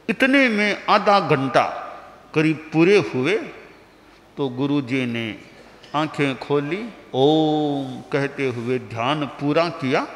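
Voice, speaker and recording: A man, a monk preacher, telling a story in a sermon with an expressive, unhurried delivery. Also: on the high side. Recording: reverberant hall.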